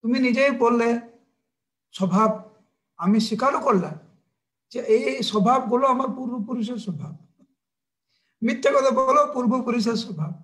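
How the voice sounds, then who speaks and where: A man's voice: very high-pitched, normal speed, pauses often, a bit bright, voice pushed up. A man voicing a frightened little boy who pleads with his mother and makes naive excuses, in a devotional storytelling sermon. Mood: pleading.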